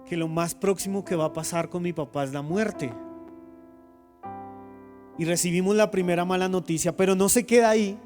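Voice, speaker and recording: High-voiced man preaching a sermon. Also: a little mellow. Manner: preaching with call-and-response, dramatic quoted speech. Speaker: guest pastor. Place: church.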